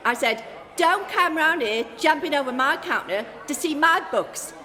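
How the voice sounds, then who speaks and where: This is a brash Cockney landlady from a comic radio play, a feisty, foul-tempered pub owner whose high, forceful London voice is packed with slangy threats. She sounds animated and talks at normal speed. A crowd can be heard behind her in an echoing hall.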